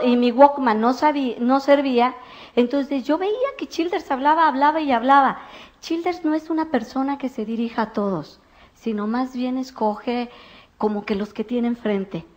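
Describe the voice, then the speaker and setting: A woman's voice: high voice, moderate pace. A woman giving a motivational talk at a business convention, telling stories and acting out the dialogue. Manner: animated storyteller acting out dialogue. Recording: muffled lo-fi recording.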